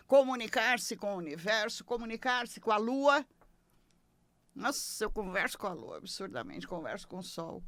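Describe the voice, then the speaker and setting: A woman with a Brazilian Portuguese accent hosting a late-night spiritual advice show, talking in an expressive, emphatic way with playful asides. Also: mid-range voice, no echo. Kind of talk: conversational spiritual teaching.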